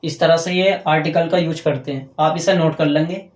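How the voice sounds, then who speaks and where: A man's voice: on the high side, steady tone. Echoey male teacher explaining grammar. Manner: explains step by step, asks questions and answers them himself; dictates slowly while writing on a board. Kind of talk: classroom grammar lecture.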